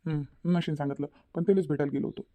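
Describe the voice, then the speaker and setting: A woman's voice: deep voice, rapid-fire, mellow, dry recording, voice pushed down, close to an everyday voice. A woman voicing an evasive young husband in a family cartoon, speaking offhandedly. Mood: offhand.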